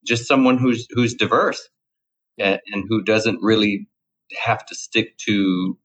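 Low-voiced Cajun man, rambling. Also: slow pace, a bit bright. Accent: Cajun Louisiana. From Louisiana, USA. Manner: rambling, repeats words, laughs easily. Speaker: guest. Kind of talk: casual interview talk. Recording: dull lo-fi sound.

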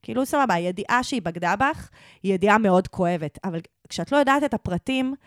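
A woman's voice: medium pitch, expressive, dry recording. Woman, Israeli accent, casual podcast co-host, mid-range voice, very dry close recording. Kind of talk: casual conversational podcast chat.

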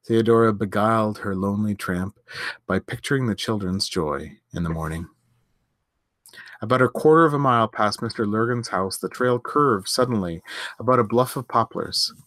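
A man, the host, reading a story aloud in a measured, expressive way. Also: fairly low pitch, no room sound, clean studio sound.

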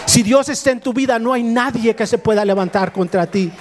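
High-voiced man preaching a sermon. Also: slight background noise. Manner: swings between rising questions and low, slow emphatic phrases; rhythmic repetition, builds in cadence.

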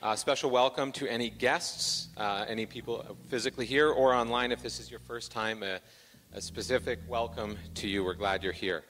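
A man's voice: medium pitch, steady tone, normal speed, fairly bright tone, a little hiss or hum. Man announcing in a reverberant church. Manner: joking, self-deprecating, many fillers. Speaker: church host doing announcements. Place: church sanctuary.

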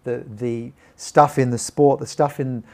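A man talks as a podcast guest. His voice sits at a middle pitch with a gravelly rasp. He tells his story in an animated way and acts out the other people in it. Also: measured pace. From Australia. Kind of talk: personal storytelling in conversation.

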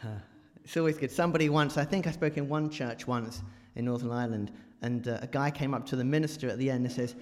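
A man's voice: medium pitch, quick pace, few pauses, darkish tone. Joking man preaching in a church. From England. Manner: chatty and joking, quizzes the audience. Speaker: guest preacher. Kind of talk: church talk. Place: large church. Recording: reverberant church hall.

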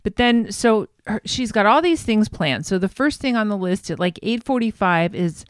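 A woman co-hosting a casual chat, easygoing and quick to laugh. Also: mid-range voice, expressive, clean tone, no room sound, studio quality. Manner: easygoing, chatty, laughs often. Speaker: podcast co-host.

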